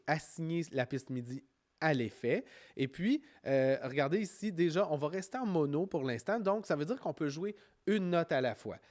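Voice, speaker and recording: A man with a Quebec French accent narrating an informal software tutorial, explaining step by step in a conversational way. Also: a little high. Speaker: music software instructor.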